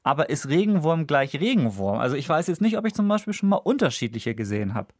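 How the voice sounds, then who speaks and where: A man's voice: a little high, sing-song, fast talker, dry recording. A man hosting a science podcast in a studio, asking playful, jokey questions in casual chat. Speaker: podcast host. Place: radio studio.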